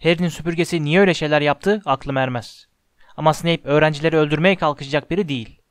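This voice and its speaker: A man voicing a huge, stubborn male gamekeeper in a gruff, grumbling low voice while reading a storybook aloud. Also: fast, no room sound, studio quality, lightly acted.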